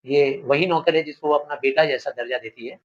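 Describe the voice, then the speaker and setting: A male teacher walks students through a story, paraphrasing each line and checking they follow with rhetorical questions. His voice sits a little higher than most men's, and the recording sounds somewhat dull. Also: fairly even intonation, brisk. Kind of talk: explaining a literature lesson.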